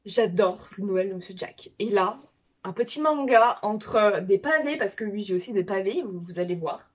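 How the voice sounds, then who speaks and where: A woman's voice: mid-range voice, expressive, moderate pace. A woman book vlogger chatting casually to her viewers, hesitant and full of fillers and restarts.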